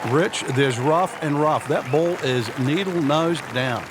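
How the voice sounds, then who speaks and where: Conversational golf analyst, noisy crowd. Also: male voice, on the high side, slow. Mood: explanatory. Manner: conversational, explanatory. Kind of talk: video game sports commentary. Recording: crowd and outdoor noise behind. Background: crowd ambience, outdoor noise.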